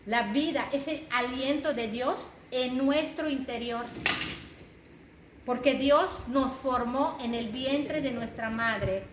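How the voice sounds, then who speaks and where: A woman's voice: high voice, slow. A woman preacher, giving an emphatic sermon and repeating phrases for stress. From Mexico. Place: church hall. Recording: echoey church room with background noise.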